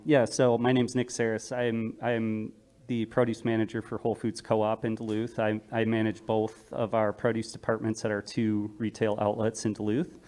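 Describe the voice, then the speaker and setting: An American man speaking through a face mask, explaining his work on a panel in a halting, measured way. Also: lowish voice, a little mellow, clean tone. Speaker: produce manager, panelist.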